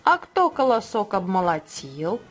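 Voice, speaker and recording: A woman voicing a hardworking, patient male rooster in a children's storybook reading, calling out in a bright sing-song way. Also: mid-range voice, sing-song, measured pace, faint music behind. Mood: calling, firm.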